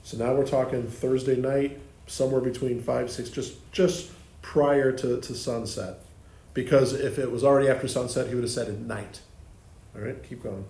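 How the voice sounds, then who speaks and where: Man with a gravelly voice leading a Bible study. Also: mid-range voice, fairly even intonation, mellow. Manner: explains with pauses and restarts, asks the group questions. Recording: echoey room with faint ambience.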